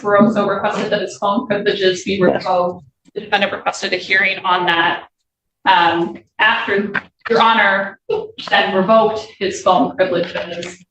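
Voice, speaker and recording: Echoey, distant female prosecutor, even tone. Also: mid-range voice. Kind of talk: formal courtroom argument. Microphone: far from the speaker. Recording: echoey courtroom, distant mic, faint noise.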